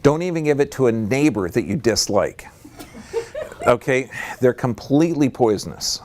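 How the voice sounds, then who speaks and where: A man giving a talk to a live audience in a room, speaking emphatically and leaping up in pitch to stress a point. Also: animated, normal speed, noisy background.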